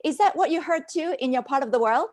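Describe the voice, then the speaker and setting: This is a high, quick-paced voice belonging to a woman in her forties who mentors in business. Raised in Hong Kong and Canada, she narrates her life as a podcast guest with animated, conversational energy in a casual interview.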